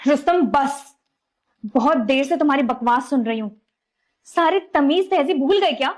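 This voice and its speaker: A woman's voice: high voice, lively intonation, moderate pace. An actress playing a defiant young wife who scolds her husband indignantly.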